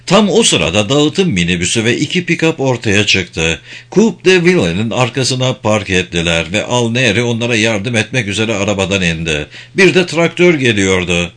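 Lively male audiobook narrator. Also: lowish voice, moderate pace, hardly any pauses. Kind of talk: scripted narration.

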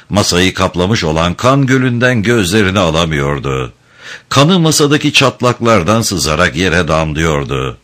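A man narrating a dark adventure storybook in a measured, grave way. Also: deep voice. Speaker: audiobook narrator.

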